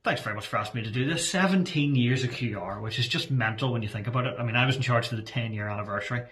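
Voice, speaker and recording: A man's voice: medium pitch, very fast, fairly bright tone. A man in his thirties talking casually in a wry, self-deprecating way. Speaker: former student radio station manager. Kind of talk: casual recorded message.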